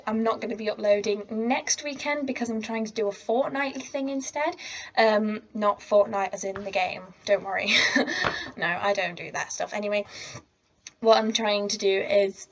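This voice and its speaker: A woman's voice: medium pitch, moderate pace, lo-fi sound. A teenage girl telling a story to camera in a chatty, rambling way, full of asides. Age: teens. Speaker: vlogger. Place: indoors at home. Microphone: laptop or camera mic.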